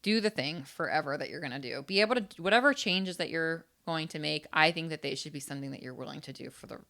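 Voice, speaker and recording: A woman's voice: deep voice, fast talker, gravelly. A woman co-hosting a podcast, talking frankly and casually with plenty of filler words. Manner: frank, animated, lots of "like" fillers. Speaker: podcast co-host.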